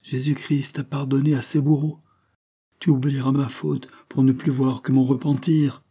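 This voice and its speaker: A man's voice: mid-range voice, level tone, moderate pace, warm tone, husky, voice pushed up. A man voicing a frightened male churchman who pleads and bargains for his life in an audiobook. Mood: pleading. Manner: imploring, wheedling.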